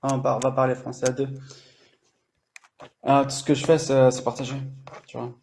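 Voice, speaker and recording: A man's voice: mid-range voice, monotone, normal speed, gravelly, darkish tone, slight background noise. A French-speaking man hosting a language-learning live stream, explaining casually with many fillers and restarts.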